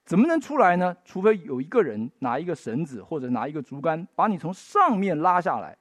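A man preaching with a lively, swooping voice that sits a little high for a man. He tells stories and punctuates them with folksy tag particles. Now and then he climbs into emphatic bursts. The sound is dry and close, with no room echo. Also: a little fast. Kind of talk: sermon with storytelling.

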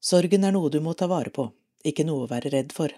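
Low, mellow-voiced Norwegian woman reading. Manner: calm, measured, even reading. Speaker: reader of an audio parish magazine. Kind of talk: scripted reading of a devotional article.

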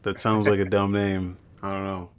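A man's voice: deep voice, monotone, normal speed, clean tone. A man co-hosting a gaming podcast, rambling in a laid-back way with casual swearing. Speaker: podcast co-host.

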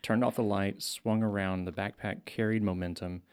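A man's voice: lowish voice, fairly even intonation, normal speed, smooth. A middle-aged man co-hosting a casual chat, telling rambling stories full of stammered restarts. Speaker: co-host.

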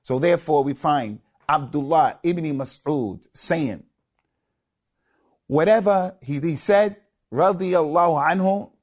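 A man delivers a religious lecture, his voice sitting fairly high for a man. He speaks emphatically and stacks repeated words for stress. He weaves Arabic phrases into his English. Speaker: Islamic preacher.

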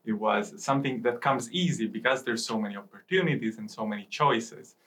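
A young man from Italy speaks as a student guest on a podcast, often pausing and restarting as he explains. His voice is bright and crisp, at a middle pitch for a man. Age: young adult. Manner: hesitant, many fillers and restarts while explaining. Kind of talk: casual interview talk.

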